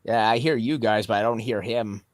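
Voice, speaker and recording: A man guest on a casual online podcast who explains things in a careful, measured way. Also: lowish voice, no room sound.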